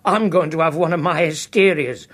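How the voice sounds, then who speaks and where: A man's voice: a little high, normal speed, fairly bright tone. A man voicing a bossy, blunt, nagging wife. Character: bossy sharp-tongued wife, Rita.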